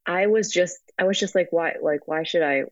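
A woman's voice: on the low side, moderate pace, no echo, muffled recording. Woman, young, American accent, reflective, many ums, dry call audio. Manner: reflective, frequent ums and restarts. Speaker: guest. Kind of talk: remote interview. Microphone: phone app call.

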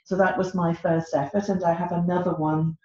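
A middle-aged British author appears as a guest on a podcast interview, speaking hesitantly with lots of ums. Her voice is fairly low and warm, with little pitch movement and a fairly quick pace, captured in an echoey, dull, lo-fi recording.

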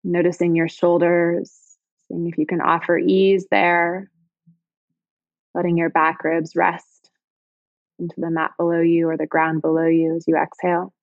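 Soft-spoken woman guiding a meditation. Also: fairly low pitch, little pitch movement, dry recording, dull audio. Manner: slow, soft, soothing instructions with pauses. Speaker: meditation guide. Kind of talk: guided body-scan meditation.

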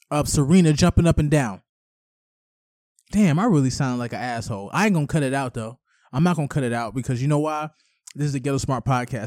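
A man hosting his own podcast rants on his own, cursing freely and stumbling over a word now and then. His voice sits high for a man. The sound is dry, with no room echo. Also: darkish tone. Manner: profane, rambling, stumbles over words. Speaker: podcast host. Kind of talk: solo podcast rant.

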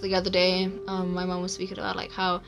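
A woman's voice: fairly low pitch, monotone, fast, a little hiss or hum. Chatty young woman co-hosting. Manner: chatty, emphatic, laughs often, says "like" a lot. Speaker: podcast co-host. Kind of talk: casual chat.

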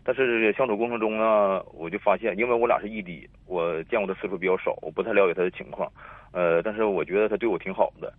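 A man's voice: fairly low pitch, fast, no echo. A man in his thirties calling in on the phone, rambling and repeating himself as he tells his story. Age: 30s. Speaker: caller. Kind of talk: phone-in call telling a personal story. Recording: tinny dry phone line.

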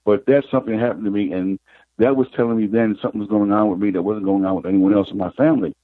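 A middle-aged man, a psychic guest, telling his life story in an interview in an unhurried, reflective way. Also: on the low side, fairly even intonation, dry recording. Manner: unhurried, reflective, retells scenes with quoted dialogue. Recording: tinny phone line.

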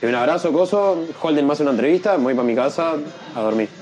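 A young man races through his story, voice sitting a bit high. He leaps up in pitch whenever he quotes someone. Faint music plays under the talk. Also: fast talker. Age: young adult. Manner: animated, acts out quoted voices in a higher pitch. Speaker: guest, freestyle rapper. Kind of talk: casual storytelling interview.

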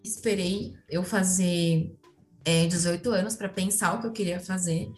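A woman's voice: on the low side, fairly even intonation, a little slow, a little mellow, soft background music. A woman in her twenties with a Brazilian Portuguese accent, an interview guest telling a personal story in a candid, chatty way, full of fillers and asides to the listeners.

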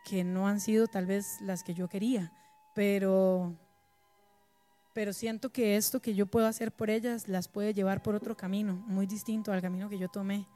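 A woman's voice: medium pitch, level tone, normal speed, mellow, faint music behind. A woman, talking candidly as a guest and often ending her remarks with a questioning tag. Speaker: guest musician and mother. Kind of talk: candid personal talk.

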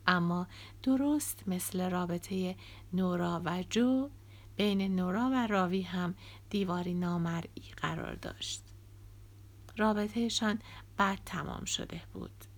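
A woman narrating an audiobook in a soft, measured way, sometimes close to a whisper. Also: on the low side, lively intonation. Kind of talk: scripted narration.

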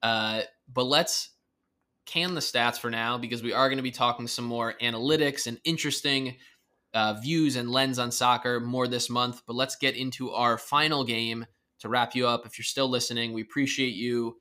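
A man's voice: mid-range voice, fairly even intonation, moderate pace, pushed and bright. A man co-hosting a casual sports podcast, talking through team stats in an upbeat, informative way. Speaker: podcast co-host.

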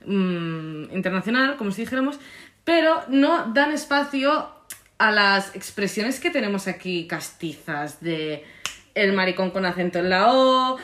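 Woman, young adult, Spain Spanish accent, lively casual chat, mid pitch, roomy. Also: a little slow. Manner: animated, peppered with English slang.

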